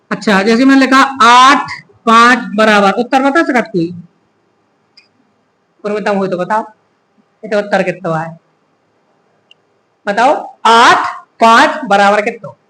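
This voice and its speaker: A man's voice: high-pitched, bright, forceful tone. Man lecturing physics in an echoey room. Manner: asks the class rhetorical questions and repeats key terms. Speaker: physics teacher. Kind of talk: classroom lecture.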